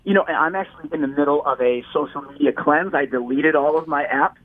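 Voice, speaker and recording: Slightly high and a little fast, the voice of this Detroit-area interview guest comes through a tinny phone line as he chats casually, rambling with plenty of restarts and repeated words.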